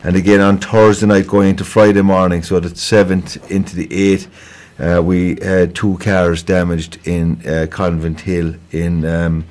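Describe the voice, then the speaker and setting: In an informal crime report interview on local radio, a Kerry man makes a police appeal, speaking conversationally, hesitating and repeating words. His voice sits low and darkish with little pitch movement, keeping a measured pace with few pauses.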